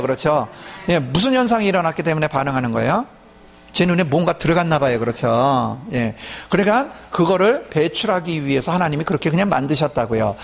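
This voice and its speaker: Male pastor, sermon, questions to the congregation answered by himself, gravelly voice, animated pitch.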